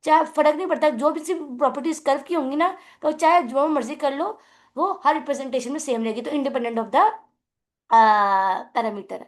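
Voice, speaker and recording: A woman's voice: high voice, normal speed. A young woman lecturing on math, mixing English terms into her talk and often asking whether the students follow. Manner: mixes English terms into Hindi. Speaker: math teacher. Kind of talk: classroom lecture.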